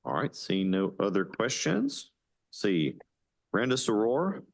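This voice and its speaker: A man chairs a board meeting in a low, lively voice. He calls each applicant by name and asks the room for questions, keeping the pace brisk. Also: vocal fry.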